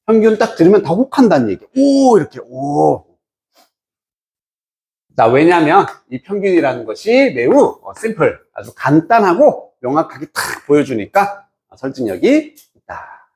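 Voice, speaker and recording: A man teaching an English reading lesson, asking and answering his own questions and drawing out English words slowly. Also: fairly high pitch, very animated, darkish tone. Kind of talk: lecture.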